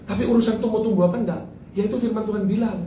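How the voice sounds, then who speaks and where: A man preaching a sermon as pastor, animated and joking, then dropping to soft, tearful tones. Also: high-pitched, very fast, slight background noise. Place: large church hall. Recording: echoey church hall from far off.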